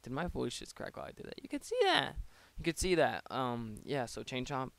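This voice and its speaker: Rambling man, smooth close-mic voice. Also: medium pitch, brisk, dry recording. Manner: rambling, self-interrupting, joking asides. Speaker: league player. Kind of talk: casual play-by-play of his own online battle. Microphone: close desk microphone.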